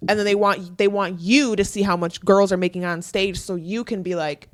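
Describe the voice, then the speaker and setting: A woman guest talking candidly in a casual podcast chat, with quick restarts. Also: mid-range voice, fairly even intonation, no room sound. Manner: candid, chatty, fast restarts. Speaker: guest, exotic dancer.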